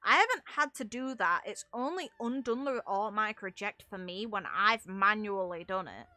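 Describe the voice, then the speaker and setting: Her mid-range voice carries a sharp tone at a moderate pace. A young adult woman streaming games, she chats informally with viewers, rambling along with mild swearing.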